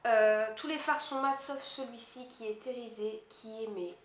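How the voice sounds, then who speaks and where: A woman beauty vlogger talking quickly and casually at home, chatty and poking fun at herself. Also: fairly high pitch, steady tone. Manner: fast, chatty and self-mocking. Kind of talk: casual monthly favorites haul chat. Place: her apartment. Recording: echoey room with faint hiss.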